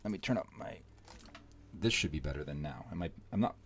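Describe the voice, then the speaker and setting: A man's voice: low voice, animated, a little fast, a little hiss or hum. A man giving casual, rambling commentary into a desk microphone while he draws digital art on a live stream. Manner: rambling, chatty and self-deprecating. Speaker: digital artist streaming his work. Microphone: desk microphone with a level meter.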